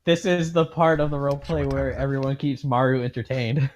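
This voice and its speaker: A player in a tabletop role-playing game making quick, giggly asides. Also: medium pitch, level tone, slight background noise. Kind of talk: casual tabletop game chat.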